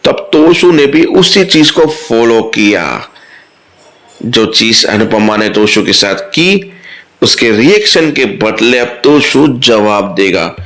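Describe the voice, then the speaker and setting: A man with an ordinary mid-range voice talks through a television serial episode in a brisk, casual opinion recap. He tells the story quickly and briefly acts out the characters' lines. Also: medium pitch, sing-song, a bit bright. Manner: rapid storytelling, acting out characters' dialogue.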